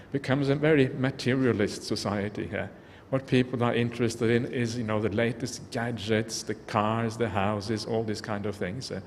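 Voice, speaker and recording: A Norwegian-born man, a Buddhist monk, giving an earnest, reflective dharma talk to an audience in a large hall. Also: mid-range voice. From Norway. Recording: long hall reverb, faint background noise.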